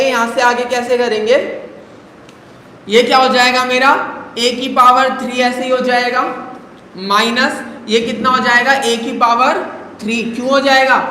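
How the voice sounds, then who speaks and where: A man's voice: very high voice, bright, forceful tone, a little hiss or hum. Man teaching math in a very echoey room. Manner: coaxing, calls students "beta", asks rhetorical questions. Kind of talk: live online math lesson. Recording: very echoey room, faint ambience.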